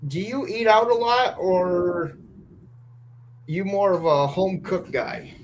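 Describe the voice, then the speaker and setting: A man's voice: high voice, lively intonation, slow, slight background noise, low-quality recording. A man hosting a podcast, chatting casually and putting fan questions to a guest. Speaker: podcast host.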